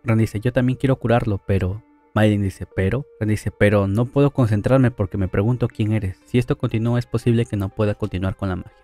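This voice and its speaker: A man's voice: lowish voice, fairly even intonation, fairly quick, mellow, faint music behind. A man casually retelling an anime story, reading out the characters' lines and adding chatty asides. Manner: chatty, adds asides and fillers. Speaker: anime story recap narrator.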